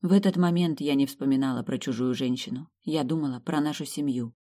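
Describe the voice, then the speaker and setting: A woman's voice: a bass voice, a little fast, dark tone. A woman narrating a dramatic first-person audiobook story.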